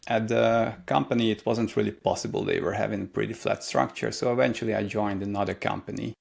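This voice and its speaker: Speaking English with a Hungarian accent, a man in his thirties answers interview questions as a guest and career mentor, thinking aloud with frequent fillers and hesitations. His low-leaning voice is creaky, a little mellow and slightly rough, and he keeps a steady tone at a fast pace.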